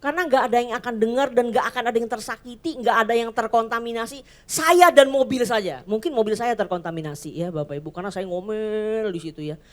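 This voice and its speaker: Woman pastor preaching in church, kinda high voice, chatty and animated. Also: fast talker. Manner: lively, conversational, acts out voices. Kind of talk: sermon.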